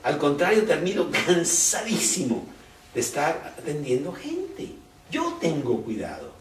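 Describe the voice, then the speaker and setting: A man preaches in a lively, conversational way, tossing in rhetorical questions. His voice sits fairly high and moves over a wide range. He sounds set back from the mic in an echoey room, with faint ambience behind. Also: a little slow, slight background noise. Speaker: pastor. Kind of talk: sermon. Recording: roomy, distant mic.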